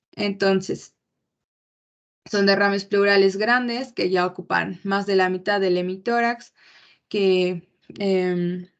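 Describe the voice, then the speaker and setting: Young woman calmly explaining medical content. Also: medium pitch, vocal fry. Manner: measured, explanatory, with frequent fillers. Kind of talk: medical class presentation. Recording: muffled lo-fi recording.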